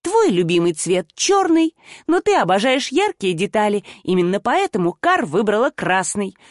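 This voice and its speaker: Woman doing a fiery young woman friend, emotional, indignant, slightly raised pitch, dry close voice. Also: big pitch swings, darkish tone, no echo. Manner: emotional, indignant, quick to anger and forgive.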